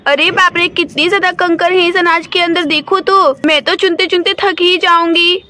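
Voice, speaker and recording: A woman's voice: very high voice, fairly even intonation, moderate pace, bright, forceful tone. A woman voicing a busy village mother in a doll story who scolds her son. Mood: scolding. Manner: bossy, scolding.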